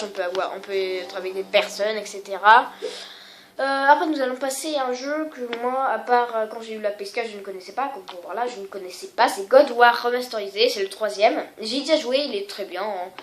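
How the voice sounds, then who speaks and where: Une femme qui présente ses jeux vidéo sur un ton décontracté, en hésitant souvent et en se moquant d'elle-même. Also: female voice, mid-range voice, a little fast, slight background noise. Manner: rambling, many fillers and self-mocking asides. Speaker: gaming vlogger. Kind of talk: casual video game showcase.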